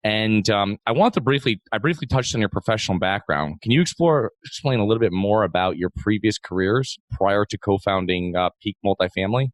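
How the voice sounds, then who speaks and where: A man's voice: lowish voice, expressive, fairly quick, hardly any pauses, dry recording. A man hosting an interview podcast, giving introductions and asking questions. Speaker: podcast host.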